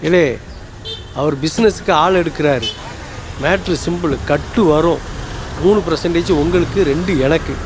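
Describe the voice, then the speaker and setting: A man's voice: a little high, normal speed, long pauses, noisy background, natural voice. Man playing a wheedling watchman. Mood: coaxing. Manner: coaxing, haggling, local slang. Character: scheming college watchman, middleman for a crook.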